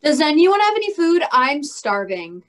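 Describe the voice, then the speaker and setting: A woman's voice: high-pitched, very animated, moderate pace, a bit bright. A young woman playing a worried teen girl. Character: hungry, worried teenage girl student.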